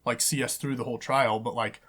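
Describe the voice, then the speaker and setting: A man's voice: mid-range voice, steady tone, fairly quick, a bit bright. A young man co-hosting a casual movie review chat, stammering and restarting as he talks, sometimes with his mouth full. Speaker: podcast co-host.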